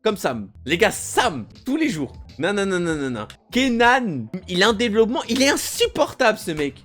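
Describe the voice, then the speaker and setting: A young man, a video creator, chatting casually in an animated, slangy and emphatic way, often repeating himself. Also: high-pitched, normal speed, soft background music. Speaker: youtuber. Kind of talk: casual reaction chat.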